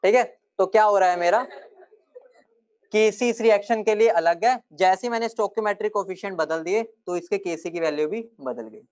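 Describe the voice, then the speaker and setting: A man's voice: sits high, fairly quick, a little mellow. A young male teacher giving a classroom lecture, joking with his students and then firmly explaining points.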